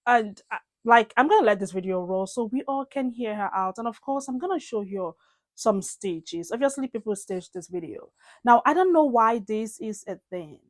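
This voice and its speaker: Woman vlog host, casual reaction commentary, a bit higher voice, chatty and direct with the viewers. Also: expressive, moderate pace.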